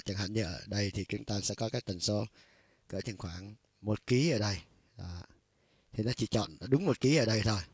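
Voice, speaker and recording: A man's voice: on the low side, no room sound. A man giving a casual instructional demo of a keyboard's vocal effects, talking loosely with many fillers. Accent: Vietnamese. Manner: loose and conversational, with frequent filler words. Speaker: music store product demonstrator.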